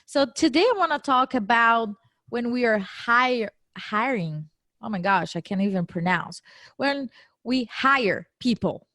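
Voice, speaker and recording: In a studio-quality recording free of room sound, a podcast co-host with a non-native English accent speaks a little slowly in a voice on the high side. She chats animatedly and casually, laughing easily and poking fun at her own grammar mistakes.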